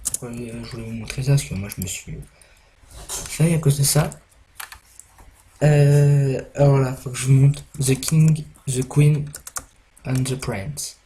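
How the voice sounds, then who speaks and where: A man's voice: mid-range voice, fairly even intonation, unhurried, long pauses, warm tone, slight background noise. A young man giving casual gameplay commentary, rambling and hesitant with many fillers and restarts. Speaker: gaming YouTuber.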